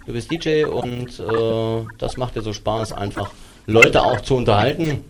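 A man hosting a live radio chat show, talking haltingly with many fillers and restarts. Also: medium pitch, a loud crowd. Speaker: radio host.

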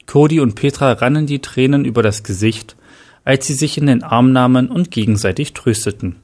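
A man reading out a dramatic story as narrator, at a plain, even pace. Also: mid-range voice, moderate pace.

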